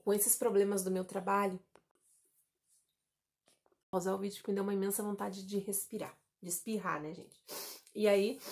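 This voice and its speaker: A woman's voice: medium pitch, a little mellow. Woman in her 30s from southern Brazil, chatty testimony vlogger who addresses her viewers directly. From Santa Catarina, Brazil. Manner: chatty, addresses viewers as "gente", many fillers like "né" and "tá". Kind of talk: personal testimony vlog.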